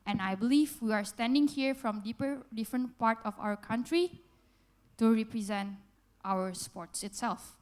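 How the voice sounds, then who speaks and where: A woman's voice: a little high, normal speed, darkish tone. A young woman from Indonesia, an English speaker, tells a personal story on stage to a festival audience in simple, earnest phrasing. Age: young adult. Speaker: youth panel speaker. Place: large hall at a festival, on stage.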